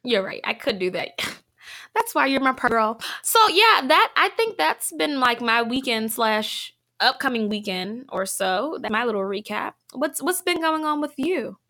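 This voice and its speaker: A young woman co-hosting a podcast in casual chat, animated and slangy, laughing often. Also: fairly high pitch, a little slow. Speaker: podcast co-host. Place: home, Minneapolis.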